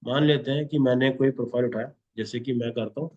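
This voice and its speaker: A man's voice: medium pitch, fairly even intonation, quick pace, darkish tone, lo-fi sound. A man teaching a class in a lesson, checking in with "okay?" after nearly every point. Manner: instructive, repeats 'okay?' constantly. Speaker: instructor.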